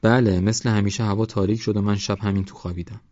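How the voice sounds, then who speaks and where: A man's voice: lowish voice, steady tone, a little mellow, dry recording, lo-fi sound, lightly acted. A man voicing a polite, earnest young man from a village.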